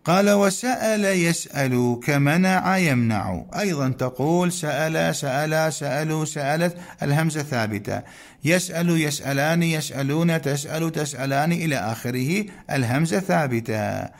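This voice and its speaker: A man teaching a classical grammar text, reciting verb conjugations slowly and deliberately, chanting some forms, and putting rhetorical questions to his students. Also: on the high side.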